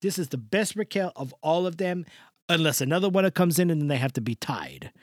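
In an improvised comedy bit, a recurring character guest plays Mister Del Rossi, a boastful, gushing, scatterbrained older Italian man. The medium-pitched voice is sing-song and brisk, speaking broken English with theatrical swoops up and down and bursts of laughter. The recording is dry, with clean studio sound.

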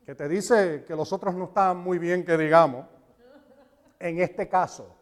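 A man preaching a sermon, animated and emphatic, repeating phrases for stress. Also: sits high, a little slow. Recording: reverberant hall.

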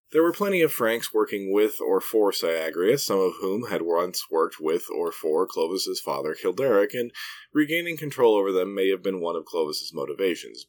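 A middle-aged man hosting a history podcast, reading scripted narration with dry, self-mocking asides. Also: sits low.

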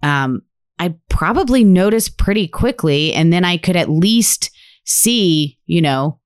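Woman podcast co-host, low-ish smooth voice, dry close sound, chatty and laughing. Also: expressive, measured pace, no room sound. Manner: chatty, laughs often, says y'all. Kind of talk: casual chat.

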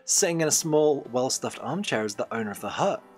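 A podcast host reads out a choose-your-path game book, his voice leaping up and down with lots of expression. Between passages he drifts into halting, casual asides full of ums, with soft music faintly behind him. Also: medium pitch. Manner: lively storyteller, slipping into hesitant filler-heavy asides. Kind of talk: reading an adventure game book aloud to a player.

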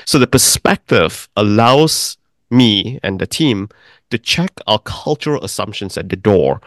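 A middle-aged man from Malaysia, a firm founder explaining his ideas in a deliberate, measured interview. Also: lowish voice, animated, dry recording, clean studio sound. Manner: deliberate, explanatory, lists points in sequence. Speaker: investment firm founder, guest.

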